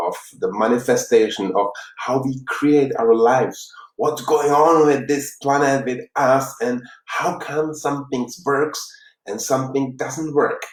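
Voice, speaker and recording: Man, Czech accent, motivational coach, earnest and halting, live stream, echoey room, mic set back. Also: mid-range voice. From Czech Republic. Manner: earnest, halting, with frequent restarts. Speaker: life coach. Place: room in Los Angeles. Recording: roomy, distant mic.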